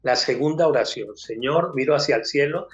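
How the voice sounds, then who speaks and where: A man's voice: medium pitch, normal speed, lo-fi sound, faint music behind. An older man with a Colombian accent, giving an emotional personal faith testimony and acting out the people in his story.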